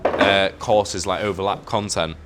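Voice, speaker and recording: Music plays behind this low, steady, unhurried male voice. He's a guest coach in his 20s, relaxed and peppering his talk with "like" and "um" as they shoot pool and chat.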